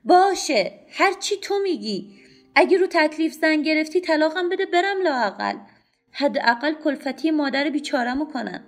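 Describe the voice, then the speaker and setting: A woman voicing a distraught, poor young wife who rails loudly and pleadingly at an unseen husband. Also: on the high side, gravelly. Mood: shouting. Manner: agitated, loud and pleading.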